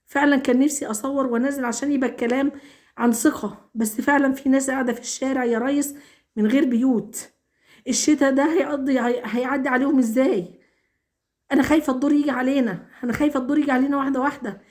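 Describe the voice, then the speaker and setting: Woman, Egyptian accent, high-pitched, pleading, repetitive, stammering restarts. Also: fairly even intonation, rapid-fire, darkish tone. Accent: Egyptian Arabic. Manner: stammers and restarts when upset. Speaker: vlogger. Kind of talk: emotional direct-to-camera appeal.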